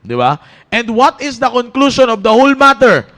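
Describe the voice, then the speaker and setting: A man's voice: very high-pitched, normal speed. A man preaching a casual, joking sermon to young people in a church. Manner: animated, joking storyteller who breaks into laughter. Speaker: youth preacher.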